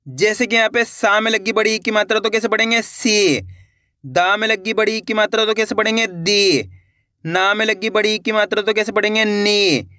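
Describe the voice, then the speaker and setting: A high-pitched man with a bright, ringing tone teaches Hindi reading as if in a classroom. He drills each sound, asks the learner to say it back, and keeps assuring them it is simple. The voice is dry and close to the mic. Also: no room sound. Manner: coaxing, repeats each sound and asks the viewer to answer; emphatic, promises guaranteed results. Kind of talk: classroom-style video lesson.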